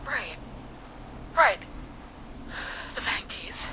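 An actress playing a frightened, determined young American woman in a video game, urgent and breathy as she leads an escape. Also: very slow, noisy background. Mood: shaken, stunned. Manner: breathy urgent delivery, swinging from hush to shout. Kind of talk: dramatic video game acting.

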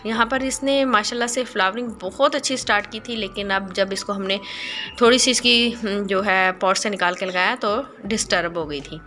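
A woman talks through a garden renovation in a voice-over, calmly explaining each step. Her voice is bright and clear, and she pauses now and then as she finds her words. Faint music plays underneath. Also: mid-range voice. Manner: calm, explanatory step-by-step instruction with hesitant pauses. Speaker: gardening channel host. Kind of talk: voice-over narration of a garden makeover.

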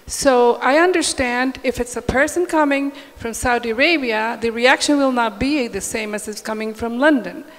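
High-voiced woman in a reverberant hall. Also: normal speed, hardly any pauses. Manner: upbeat, uplifting, emphatic. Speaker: panelist. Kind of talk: panel discussion answer. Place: large conference hall stage. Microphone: handheld mic.

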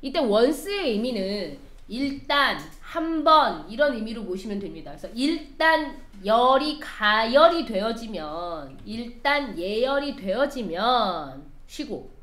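A woman's voice: fairly high pitch, sing-song, slow, hardly any pauses, a bit bright. A woman teaching an English lesson, explaining line by line and quizzing her students as she goes. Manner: explains step by step, quizzes the class. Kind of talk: classroom lecture.

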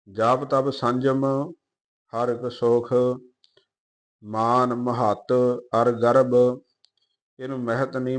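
A man reciting scripture slowly in a measured chant, with quick, quieter spoken notes on pronunciation. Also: medium pitch.

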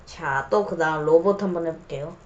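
A woman's voice: sits low, fairly quick, a little hiss or hum. A woman talking casually to viewers as the host of a demo. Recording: dull lo-fi sound.

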